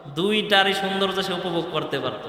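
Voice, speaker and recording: A man's voice: high-pitched, fairly quick, pushed and bright. A man preaching a sermon in Bengali with a Bangladeshi accent, telling a story and acting out its voices. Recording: echoey hall.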